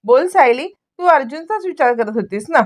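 A woman's voice: sits high, lively intonation, normal speed. A woman voicing an affectionate, teasing older matriarch in a chatty way.

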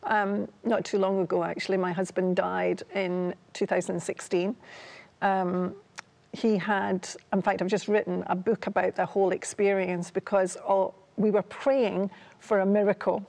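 Seated at a studio table, a talk show guest in her sixties from Ayr, Scotland, gives personal testimony, speaking conversationally with some hesitation in her Scottish accent. She has a medium pitch, a level tone, vocal fry, and a slightly mellow sound, and she takes her time.

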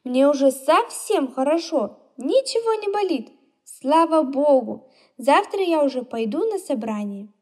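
A woman's voice: sits high, expressive, unhurried, darkish tone. A woman voicing a kind, caring aunt in a children's storybook reading.

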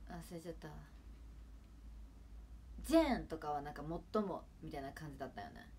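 Young woman w/ chatting on stream, lowish voice, rambly, faint hiss behind. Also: big pitch swings, a little fast, warm tone. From Japan. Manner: rambling, chatty, trailing off to near mumbles. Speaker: idol livestreamer. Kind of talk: casual livestream chat.

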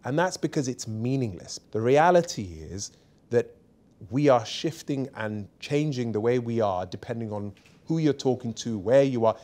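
A man's voice: medium pitch, normal speed. A man in his forties, a barrister, speaking candidly and emphatically as an interview guest in a small studio. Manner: emphatic, candid, lively anecdotes. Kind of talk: seated conversational interview. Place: small bright studio set.

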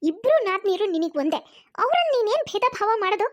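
A woman voicing an older mother-in-law in a cartoon, speaking slowly and reproachfully. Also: very high voice, big pitch swings. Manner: slower, reproachful.

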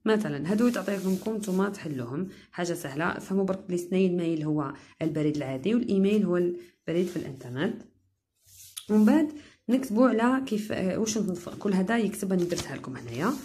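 A woman's voice: on the low side, animated, quick pace, warm tone, a little hiss or hum. A woman English teacher with an Algerian Arabic accent, giving a chatty recorded lesson that explains English terms in dialect, with frequent hesitations.

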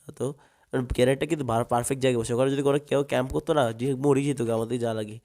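A man with a hoarse, strained throat, commentating his own gameplay and yelping excitedly during fights. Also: medium pitch, very fast. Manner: excitable, yelps sharply in fights and grumbles at other players. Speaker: gaming channel host.

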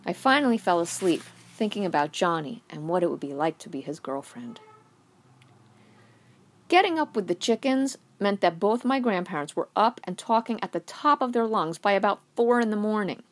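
A woman's voice: medium pitch, animated, normal speed. A woman reading a short story aloud in a wry first-person narration. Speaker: reader.

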